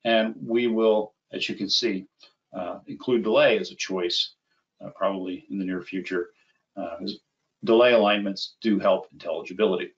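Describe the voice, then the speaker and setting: Speaking in a lowish, steady voice, this middle-aged man walks viewers through a live software demo one step at a time, relaxed and conversational. He's an applications engineer presenting a webinar from a computer in a small room, captured in somewhat dull, band-limited audio.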